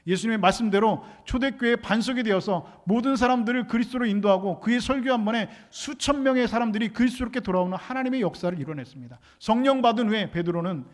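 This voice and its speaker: Male pastor, emphatic sermon delivery, quick and high-pitched, acts out quoted lines. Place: church sanctuary.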